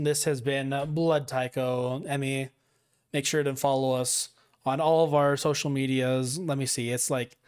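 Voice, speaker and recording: A man's voice: medium pitch, clear, resonant tone. A young man hosting a podcast in casual chat, rambling and self-mocking, laughing often. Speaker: podcast host.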